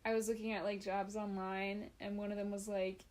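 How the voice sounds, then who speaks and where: A woman's voice: mid-range voice, level tone, brisk, darkish tone. Tired-sounding young woman chatting. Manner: rambling, self-deprecating, laughs often. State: fatigued voice after jaw surgery. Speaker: podcast co-host. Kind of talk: casual chat.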